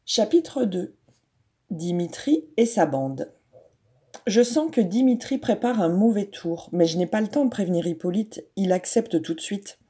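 A woman narrating a children's storybook softly and gently. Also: mid-range voice, expressive, a little slow, husky.

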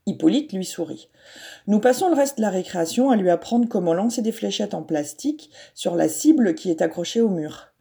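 A woman narrating a children's storybook softly and gently. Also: mid-range voice, animated, brisk, gravelly, husky.

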